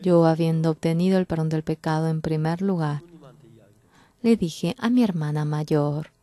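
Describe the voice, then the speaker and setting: A woman delivers an interpreted sermon in a somewhat low voice. She speaks fervently and drives key words home with sudden loud bursts of emphasis. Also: steady tone, normal speed.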